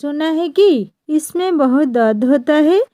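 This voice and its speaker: A woman's voice: sits high, lively intonation, unhurried, dark tone, no echo, clean studio sound. A woman voicing a timid older aunty who speaks in a fretful way. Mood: fearful.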